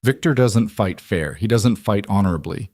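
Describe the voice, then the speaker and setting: A man's voice: on the low side, expressive, moderate pace, darkish tone, dry recording, clean studio sound. A man voicing a guarded, brittle frontier woman.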